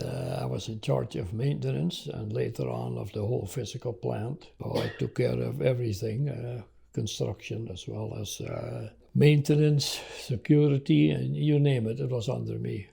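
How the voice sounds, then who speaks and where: An older man raised in Indonesia and the Netherlands tells his career story in a very gravelly, raspy voice. His tone is dark and mellow, and he halts often with uhs. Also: medium pitch. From Indonesia, then the Netherlands. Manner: rambling, with many uhs. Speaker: engineering executive, guest. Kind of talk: interview storytelling.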